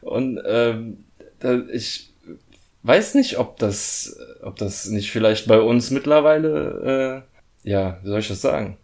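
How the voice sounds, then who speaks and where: A man's voice: mid-range voice, expressive, takes it slowly, gravelly, darkish tone. Hesitant, rambling German man. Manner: rambling, hesitant, laughs at own jokes. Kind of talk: casual film discussion.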